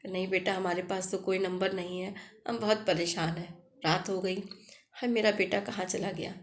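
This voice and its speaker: A woman's voice: medium pitch, level tone, moderate pace, natural voice. A woman doing a tearful old village mother. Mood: pleading. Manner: pleading, tearful. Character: distraught elderly village mother, lost and grieving.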